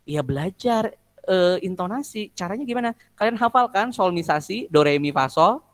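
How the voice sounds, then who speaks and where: A man's voice: high-pitched, expressive, normal speed. A man teaching an online music class, quizzing students with jokes and singing solfège drills. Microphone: video call.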